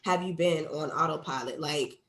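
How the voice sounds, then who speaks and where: A woman in her thirties, a podcast co-host, telling a heartfelt personal story in casual chat, animated and quick to laugh. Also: deep voice, echoey room, slight background noise. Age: 30s. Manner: animated, quotes herself and her son, laughs often.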